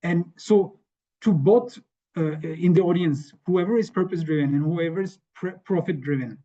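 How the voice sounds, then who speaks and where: A man from Sweden talks through his slides on a video call, casual and conversational, often restarting phrases and asking "right?". His voice sits a little high but sounds mellow and dark. The call audio is dull and lo-fi. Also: normal speed. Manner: conversational, repeats himself, frequent "right?". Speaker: panel speaker. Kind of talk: webinar talk with slides.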